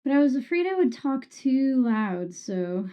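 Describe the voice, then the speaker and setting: High-voiced woman streamer with harsh sibilant S's. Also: sing-song, a little slow, warm tone, clean tone. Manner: sweary, self-deprecating. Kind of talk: casual livestream chat with viewers. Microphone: streaming microphone with EQ and compressor. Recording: muffled, dull microphone sound.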